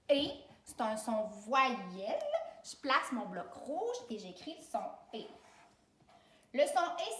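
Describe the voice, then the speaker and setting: A woman's voice: on the high side, recorded from a distance. A woman with a Québécois French accent teaching children to spell, patient and step by step, speaking straight to the child. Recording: roomy sound from away from the mic.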